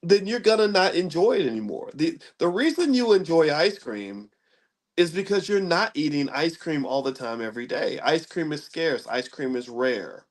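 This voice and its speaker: Talking informally about financial ideas, a middle-aged economics commentator wanders through a lecture-style chat with frequent restarts and repeated checks of "right?". He speaks at a moderate pace in a fairly high voice with large pitch swings.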